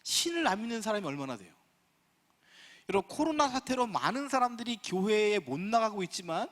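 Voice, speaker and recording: A man's voice: high-pitched, in a large hall. A middle-aged man giving a church seminar talk, telling humorous personal stories and acting out dialogue with God. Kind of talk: humorous preaching-style lecture with personal stories. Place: church sanctuary.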